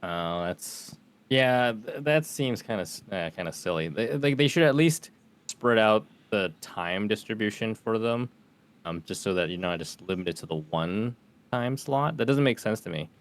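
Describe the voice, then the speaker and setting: A man's voice: on the low side, lively intonation, moderate pace. A man guesting on a podcast, chatting in a laid-back way, laughing often and stammering on restarts. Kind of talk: casual chat.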